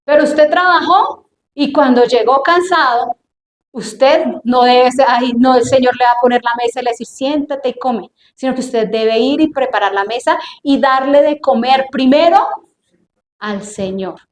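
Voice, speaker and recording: Her high voice moves at normal speed as she delivers a sermon to her congregation, emphatic and drawn out, often putting questions to those listening. Faint noise and echo fill the recording space.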